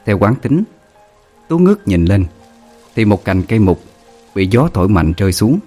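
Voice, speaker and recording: A man's voice: fairly low pitch, big pitch swings, normal speed, mellow, faint music behind. Emotive male storyteller. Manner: emotive, dramatic. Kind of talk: scripted narration of a ghost story.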